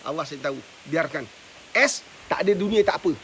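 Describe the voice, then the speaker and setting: Here the madrasah teacher sounds fairly high and fairly bright, talking expressively and at a fairly quick clip. A faint hiss from his live stream mic sits under his preachy parenting advice, which he keeps punctuating with rhetorical checks that listeners understand.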